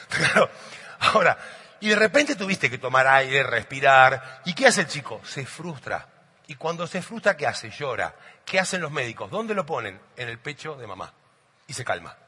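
A middle-aged man from Argentina with an Argentine Spanish accent, a motivational speaker and coach telling animated stories to an audience and often asking "¿sí?". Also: fairly high pitch, husky. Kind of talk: storytelling talk to a live audience. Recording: long hall reverb.

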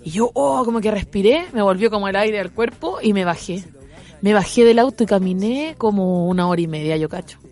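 A woman with a Chilean accent, co-hosting a radio show in casual chat and telling animated stories with plenty of laughter. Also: medium pitch, brisk, faint music behind. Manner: animated storyteller, laughs often. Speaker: radio co-host. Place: radio studio.

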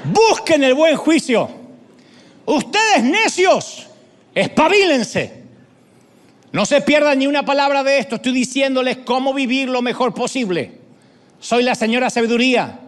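A man's voice: very high voice, very animated, quick pace, few pauses, big-room sound, voice pushed up. An Argentine-accented preacher voicing Lady Wisdom, a scolding woman calling out in the street. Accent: Argentine Spanish. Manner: shouting, exhorting.

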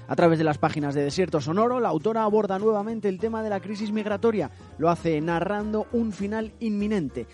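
A man's voice: on the high side, a little mellow. A man giving the scripted introduction of a podcast in a polished, announcer-like way. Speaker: podcast narrator. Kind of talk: scripted narration.

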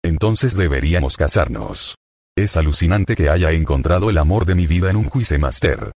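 A man's voice: deep voice, expressive, moderate pace, vocal fry, darkish tone, breathy edge, no room sound, clean studio sound, exaggerated voice. A man reading the lines of a cocky young pick-up artist, playful but plainly read.

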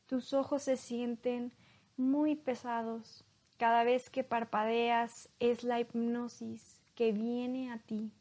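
A woman leading a guided hypnosis in a slow, soothing hypnotist voice, leaving long pauses between phrases. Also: on the high side, level tone, dark tone.

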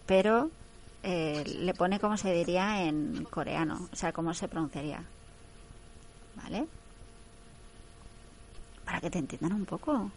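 A woman's voice: lowish voice, measured pace, long pauses, a little mellow, slight background noise. A woman giving casual, teasing running commentary on a TV episode. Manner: chatty, teasing, laughs often.

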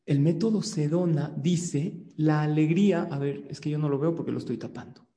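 Speaking at a normal pace, a rabbi teaches an animated religious lecture by video call and frequently questions his listeners. His high-pitched voice still sounds mellow, and a long, roomy reverb trails through the recording.

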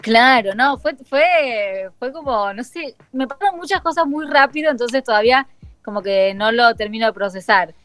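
A young woman from Tucumán with a Tucumán accent, a guest telling stories in a lively, informal chat. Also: a little high, normal speed. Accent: Tucumán Argentine Spanish. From Tucumán, Argentina. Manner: chatty storyteller, lively and informal. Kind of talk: casual chat.

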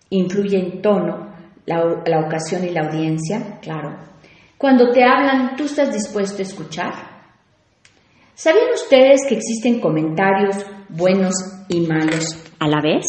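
A woman's voice: mid-range voice, darkish tone, very echoey. A woman hosting a radio talk show on personal growth, speaking reflectively and asking her listeners questions.

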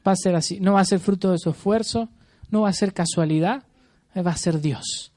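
A man's voice: high-pitched, a little fast, a little mellow, no echo. Man preaching, emphatic with questioning tags. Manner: emphatic, keeps checking in with a questioning "¿ah?"; leads the congregation in amens and applause. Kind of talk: sermon with prophetic declarations. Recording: dry sound with faint music behind.

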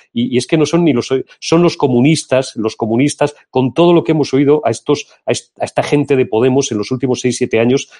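Middle-aged castilian spanish guy ranting on a talk show, mid pitch, really emphatic. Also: darkish tone. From Spain. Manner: emphatic, indignant, rhetorical. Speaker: political commentator.

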